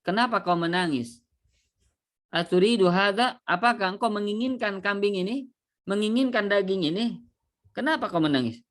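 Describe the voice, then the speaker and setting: A man doing a pestering, high-voiced questioner. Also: moderate pace, long pauses, fairly bright tone. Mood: insistent. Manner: insistent, repeats the same question. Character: pestering man at a goat roast.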